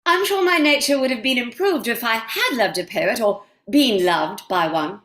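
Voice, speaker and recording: A woman's voice: a little high, animated, moderate pace, fairly bright tone. A woman playing a gushing, imperious society lady in a stage play reading, with an affected theatrical manner. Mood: gracious. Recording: echoey room.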